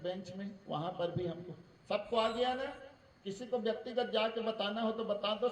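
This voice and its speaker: A man leads schoolchildren through yoga in a high, coaxing voice, often checking that they follow. He sounds far from the mic in a roomy, echoing space with a faint hum behind him. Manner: coaxing, asks students questions, calls them beta. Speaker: school teacher leading a yoga session. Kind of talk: guiding a class through yoga exercises. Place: school room with students. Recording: echoey room, distant mic, faint background noise.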